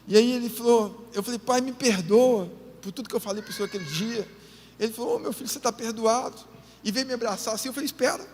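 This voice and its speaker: A male pastor with a Northeastern Brazilian accent preaches from the pulpit in a high, husky voice. He tells his story with feeling and keeps turning to the congregation. His words ring out with a long reverb through a big church hall. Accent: Brazilian Portuguese, Northeastern. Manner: emotional storytelling, calls the church brothers and sisters. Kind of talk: sermon.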